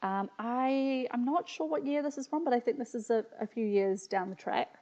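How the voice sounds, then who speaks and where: A video host with a New Zealand accent reads her childhood stories aloud and chats casually, sounding hesitant, reflective and amused. Her voice is a little high and warm, at a normal speed. The audio is slightly muffled.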